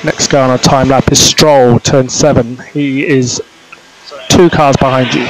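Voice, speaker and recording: A man's voice: mid-range voice, steady tone, a little slow. Clipped male race spotter on noisy radio. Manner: terse, clipped, procedural callouts. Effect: team radio. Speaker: race engineer. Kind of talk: race spotter radio, calling traffic to driver. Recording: noisy car-to-pit radio transmission.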